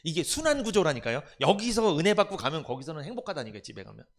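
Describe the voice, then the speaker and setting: A man's voice: fairly high pitch, sing-song, fast. A man pastor preaching a sermon in church, asking the congregation rhetorical questions and acting out family members' voices. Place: church sanctuary.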